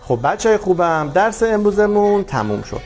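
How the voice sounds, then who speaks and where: Lively encouraging man teaching children. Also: high-pitched, soft background music. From Iran. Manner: gentle, encouraging teacher addressing children, reading letters aloud for repetition. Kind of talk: children's lesson.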